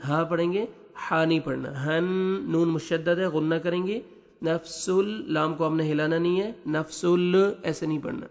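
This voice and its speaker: A man teaching Quran recitation. He spells out letters and vowel marks in brisk explanation, then recites verses in a slow, drawn-out chant. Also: a little high, creaky, in a large hall.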